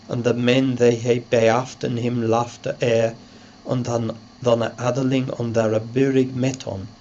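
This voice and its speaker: Male reader, mid-pitched, measured Old English recitation, scholarly delivery, dull lo-fi sound with noise. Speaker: reader and narrator. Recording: muffled lo-fi recording with loud background noise.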